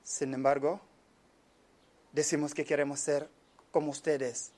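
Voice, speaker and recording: A man from Senegal giving an earnest, measured monologue, often speaking quietly. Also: on the high side, flat delivery. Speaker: speaker telling of his migrant life. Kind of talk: reflective spoken monologue.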